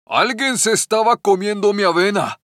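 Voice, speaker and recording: A man voicing a big father bear with a loud, hoarse voice. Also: high voice, moderate pace, no room sound, studio quality, voice pushed up. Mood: indignant.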